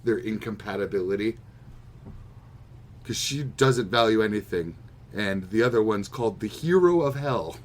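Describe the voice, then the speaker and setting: With a fairly low pitch and lively intonation, a man co-hosting a manga podcast muses and shares strong opinions at a moderate pace, swearing freely. There's slight background noise in the recording.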